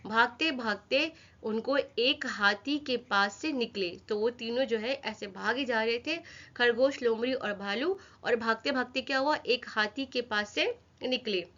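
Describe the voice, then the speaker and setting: A woman's voice: on the high side, measured pace, bright, forceful tone. A woman teacher telling a children's story as a lesson, repeating lines and asking the class questions. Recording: dull lo-fi recording.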